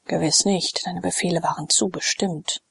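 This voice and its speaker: A woman's voice: lowish voice, fairly even intonation, normal speed, creaky, fairly bright tone, slightly rough, heavily acted. A woman doing a loyal freedman servant. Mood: earnest.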